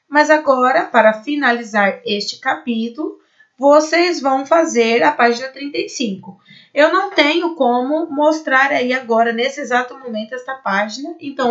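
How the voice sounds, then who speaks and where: A woman's voice: high-pitched, normal speed. Brazilian lady teaching spanish class, keeps asking "right?", kinda muffled recording. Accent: Brazilian Portuguese. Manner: explains patiently to students, checks in with "né?" and "certo?". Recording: lo-fi dull recording.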